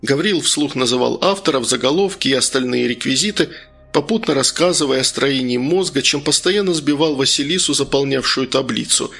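A man narrates a story in a calm, even manner. His voice is gravelly and husky with a bright, forceful edge, over faint background music. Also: mid-range voice, fairly quick. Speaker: audiobook narrator. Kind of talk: scripted narration.

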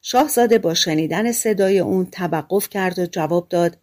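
A woman with a lowish voice narrates a fairy tale as an audiobook, telling it in a calm, measured way.

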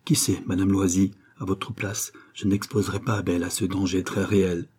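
A man's voice: deep voice, level tone, moderate pace, darkish tone, slightly rough. A man voicing a grave village priest. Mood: solemn. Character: earnest village priest, gentle yet grave.

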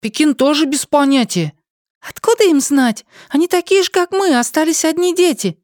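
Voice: sits high, animated, normal speed, a little mellow, no echo, studio quality, pitched above the performer's own voice. A narrator voicing an anxious schoolboy who phones for help with urgent questions. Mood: urgent, worried. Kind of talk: audiobook character voice.

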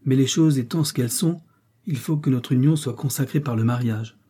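A stern young missionary man who presses his point without letting up, brief and commanding, as a male reader gives him voice. The voice is mellow and a little husky, with a soft, unforced tone. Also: medium pitch, a little fast, close to an everyday voice. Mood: insistent.

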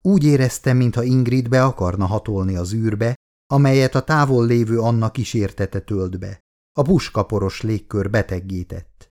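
A man narrating a literary novel in the first person, in a measured, subdued, introspective way. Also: on the low side, darkish tone. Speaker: audiobook narrator.

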